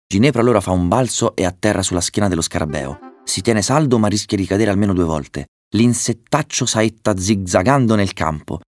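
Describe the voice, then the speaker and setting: A man reading a children's story aloud, narrating with a lively delivery and excited voices for the dialogue. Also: fairly low pitch, fairly quick, few pauses.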